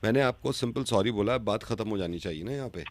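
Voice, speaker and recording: A man's voice: fairly low pitch, quick pace, no echo. A man making a prank phone call as a radio host, insistent and repeating himself, growing exasperated.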